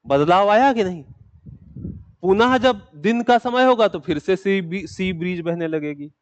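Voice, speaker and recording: A man teaches geography in a high, unhurried voice. He keeps asking his students questions and then answers them himself. The sound is dry and close, with no room echo. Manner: dictates notes slowly. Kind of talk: classroom lecture.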